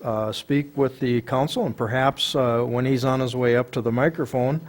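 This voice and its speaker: A man giving reports at a city council meeting. He speaks haltingly, with many fillers. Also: mid-range voice, steady tone. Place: council chamber.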